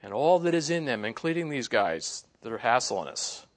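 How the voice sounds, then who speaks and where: A man's voice: medium pitch, very animated, normal speed. A male pastor preaching a sermon that explains scripture verse by verse, in a conversational, folksy way with frequent "you know" fillers. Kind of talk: expository sermon.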